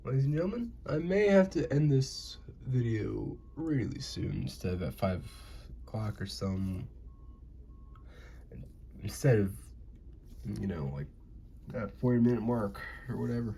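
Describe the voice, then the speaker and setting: A man's voice: medium pitch, lively intonation, unhurried, creaky, warm tone, a little hiss or hum. A young man with a Southern American accent, rambling and joking to himself while drawing. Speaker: animation channel host. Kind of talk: casual drawing commentary. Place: indoors at home.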